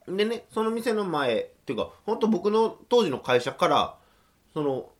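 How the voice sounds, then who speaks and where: A young man with a Kansai accent hosts a casual radio monologue, telling his stories in a chatty, self-deprecating way. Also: a little high. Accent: Kansai Japanese. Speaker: radio show host.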